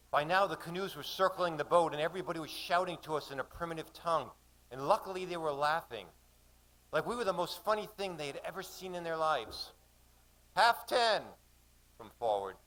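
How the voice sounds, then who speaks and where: A man in his sixties reads a sea story aloud at a café gathering. He performs with drama, shouting out the calls from the deck and the quoted voices. His pitch sits in an ordinary middle range for a man. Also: poor audio. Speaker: storyteller reading at a poetry gathering.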